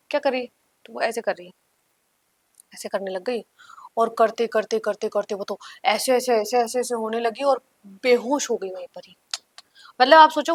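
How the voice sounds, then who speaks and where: High-voiced woman, lively storyteller. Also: no echo. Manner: vivid storytelling, acting out her own past lines. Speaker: guest singer. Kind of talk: podcast storytelling.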